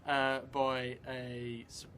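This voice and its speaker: A middle-aged man with a mid-range, even-toned voice streams solo role-play, seated at a table in an indoor theatre room. He speaks slowly and haltingly, thinking aloud and dictating as he writes while improvising a story in a solo tabletop game. The recording is clearly noisy.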